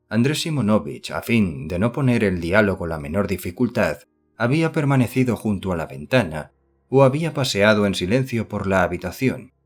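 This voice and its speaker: A man narrating a classic novel as an audiobook in a measured storytelling manner. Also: on the low side. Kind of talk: scripted literary narration.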